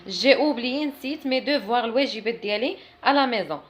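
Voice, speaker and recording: Quick-talking Moroccan woman teaching French. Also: on the high side. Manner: switches between Arabic explanation and slow, careful French phrases. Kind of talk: classroom phrase lesson.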